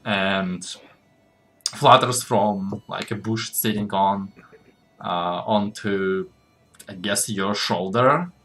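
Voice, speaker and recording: A young man narrating as game master for a tabletop game. He speaks slowly, with a low but bright tone. His talk halts often, full of fillers and restarts. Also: faint music behind.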